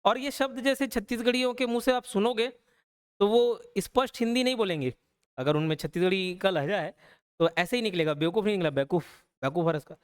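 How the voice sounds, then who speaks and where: A man teaching an online exam-prep class, repeating words slowly and often checking in with "okay?". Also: high voice, clean tone. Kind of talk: explanatory lecture.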